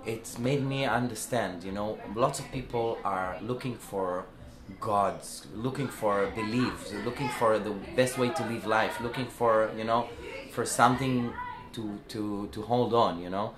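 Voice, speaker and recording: A lowish male voice, slightly slow with few pauses, comes through a roomy space with a crowd behind him. The speaker, a singer and band founder whose native tongue is Hebrew, has an Israeli accent and is casually interviewed at a music club after a show, speaking hesitantly with frequent fillers and restarts.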